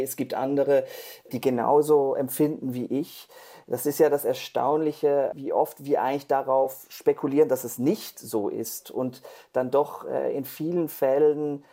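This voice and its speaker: Guy with a warm gravelly voice, thinking out loud in an interview, lots of pauses and restarts. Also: medium pitch. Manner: thoughtful, hesitant, with fillers and restarts. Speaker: interview guest, performer and author. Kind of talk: reflective interview answers.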